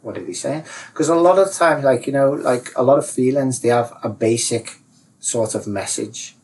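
Animated man explaining, distant mic. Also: medium pitch, moderate pace. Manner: animated, acts out inner voices, many "like, you know" fillers. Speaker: guest, self-realisation coach. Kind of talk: casual explanatory chat. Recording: distant mic with faint room noise.

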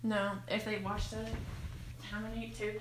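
A teenage girl co-hosting a casual podcast, laughing and tossing in deadpan quips. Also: medium pitch, normal speed, echoey room, heavy background noise. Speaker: podcast co-host. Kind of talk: casual chat.

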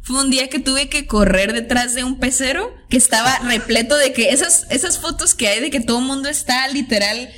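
Young woman from Tijuana, northern Mexican accent, interview guest; animated storyteller who acts out voices and laughs a lot. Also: high voice, fairly quick, hardly any pauses, faint music behind. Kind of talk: casual interview chat.

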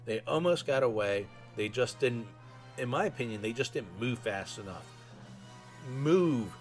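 A man's voice: mid-range voice, lively intonation, moderate pace, soft background music. A man casually giving his own fan review as a solo podcast host.

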